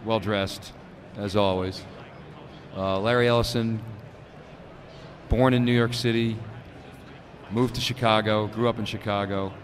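A man's voice: fairly low pitch, fairly even intonation, measured pace, pauses often. A middle-aged man co-hosting live event commentary from a conference studio booth, talking analytically with plenty of fillers. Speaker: tech show co-host. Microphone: handheld stand mic. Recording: busy crowd noise behind.

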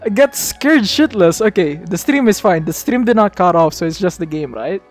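A man streaming a game, chatting casually and excitably, swearing freely as he talks to his viewers. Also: high voice, moderate pace, faint music behind. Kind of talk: casual live-stream chat.

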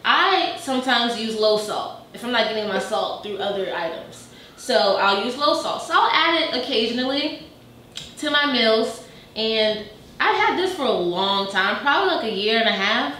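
A woman's voice: a little high, animated, normal speed, pushed and bright, slight background noise. A young woman in a home kitchen, chatting casually as a fitness vlogger while showing her food items, upbeat and full of fillers. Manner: chatty and upbeat, many fillers like "you know" and "like". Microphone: camera mic from a few meters away. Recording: echoey kitchen, voice a bit distant.

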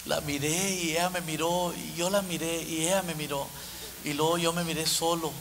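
Animated man telling stage jokes. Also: fairly high pitch, moderate pace, gravelly, background noise. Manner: animated storytelling with stammering repeats. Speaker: comedian. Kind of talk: stand-up comedy.

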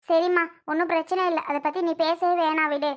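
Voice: extremely high pitch, little pitch movement, fairly quick. A child voicing a protective, bossy elder sister-in-law who scolds firmly. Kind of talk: homemade family drama.

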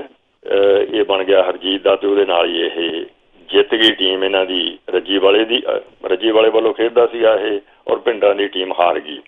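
Older man, Punjabi accent, reminiscing storyteller, thin phone-like audio. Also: on the low side. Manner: slow reminiscing storyteller, quotes himself calling instructions. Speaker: guest. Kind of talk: storytelling interview. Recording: phone-like narrow sound.

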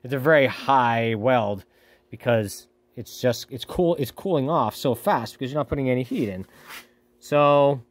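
Welding in his home garage, a hobby welder who hosts a channel talks casually in an unhurried, mid-range voice with lively intonation. His workshop chatter wanders, stays offhand, and he keeps correcting himself.

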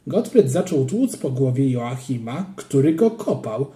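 Lively expressive storybook narrator man. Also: medium pitch, unhurried. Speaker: audiobook reader. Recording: roomy echo.

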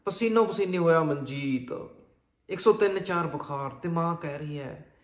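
A man narrating an emotional family story in an expressive, dramatic way, repeating phrases for emphasis. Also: fairly high pitch, normal speed. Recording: roomy echo.

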